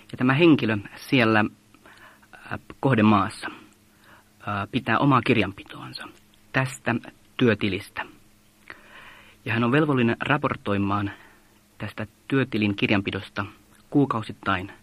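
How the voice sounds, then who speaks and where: A man patiently explaining how donations are handled, in a measured way with frequent hesitation sounds. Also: fairly low pitch, a bit bright, no echo. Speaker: mission organization leader. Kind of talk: explaining in an interview.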